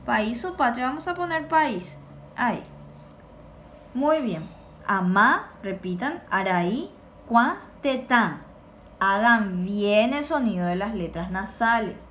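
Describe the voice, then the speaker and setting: A woman teacher, giving a recorded lesson for children and repeating words slowly and clearly for the class. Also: a little high, animated, slight background noise. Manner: slow, clear drilling of words for repetition.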